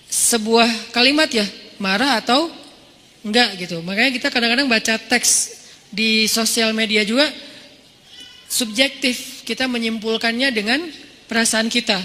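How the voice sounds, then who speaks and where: A man giving a casual, conversational sermon, dropping into softer or raised tones to act out quotes. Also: extremely high pitch, in a large hall. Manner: conversational, mimics tones when quoting. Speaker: Islamic preacher.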